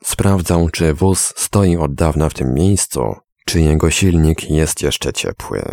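A man giving measured, dramatic scripted narration of a story. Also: very deep voice, lively intonation, gravelly, warm tone, dry recording. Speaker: audiobook narrator.

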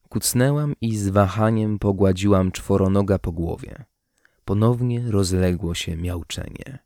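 A man narrating an audiobook story in a calm, measured way. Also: low voice, no echo, clean studio sound.

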